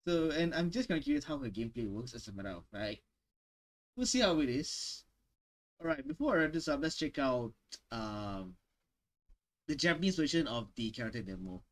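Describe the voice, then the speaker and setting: Speaking quickly with big pitch swings around a medium register, a young man reacts casually and off the cuff in his reaction video. He uses a headset microphone in a small home room, music plays underneath, and he often hesitates and repeats himself.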